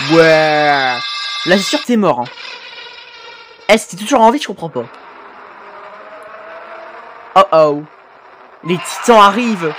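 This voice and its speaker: Excitable French man with a lively, high voice. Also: slight background noise. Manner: excitable, swears often, exclaims at the screen; hesitant fillers and self-corrections. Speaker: YouTube reaction host. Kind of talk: casual reaction commentary.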